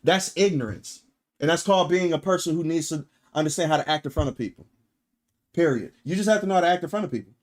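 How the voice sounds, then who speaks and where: A man's voice: fairly high pitch, fast talker. A man streaming live, talking bluntly and emphatically to his chat, peppering his points with profanity and rhetorical "right?" tags. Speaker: streamer reacting and reading chat. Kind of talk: casual livestream rant.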